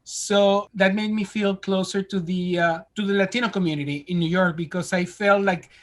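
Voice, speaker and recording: A man's voice: sits high, normal speed. A man in his fifties, born in Spain, telling stories in a casual interview over a video call from a home study. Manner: animated storytelling, gesturing widely. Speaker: guest.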